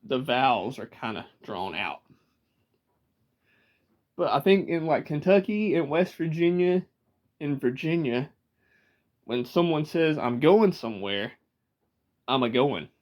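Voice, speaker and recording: A man's voice: on the high side, lively intonation, a little slow, long pauses, dull audio. Chatty Georgia man with a Southern drawl. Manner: chatty, laughs often, rambling asides. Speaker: vlogger. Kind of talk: casual talk to camera. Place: small room indoors, sitting in a rocking chair. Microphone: camera in front of him.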